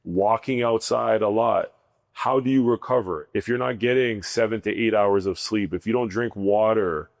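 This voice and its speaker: Low-voiced male podcast host. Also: normal speed, vocal fry, no room sound. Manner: encouraging, sums up the guest's points. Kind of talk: casual interview chat.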